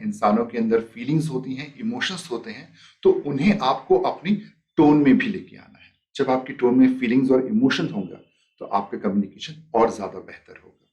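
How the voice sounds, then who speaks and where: A man's voice: medium pitch, a little mellow, recorded from a distance. A man teaching a life skills lesson, explaining step by step and acting out example sentences. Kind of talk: spoken lesson with demonstrations.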